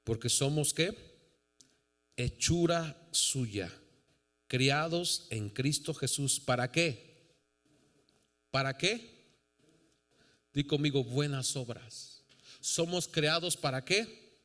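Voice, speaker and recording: A man's voice: fairly high pitch, slow, pauses often, fairly bright tone. A man with a Mexican accent, a pastor preaching an emphatic sermon straight to his congregation. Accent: Mexican Spanish. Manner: emphatic, rising fervor, direct address to the congregation. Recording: long church reverb.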